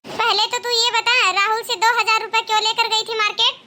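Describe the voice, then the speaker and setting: Woman voicing a shrill, taunting cartoon mother-in-law. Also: flat delivery, a little fast, background noise. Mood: scolding. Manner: scolding, taunting, sarcastic. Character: nagging village mother-in-law, sharp-tongued. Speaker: cartoon voice actor. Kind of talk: cartoon moral-story dialogue.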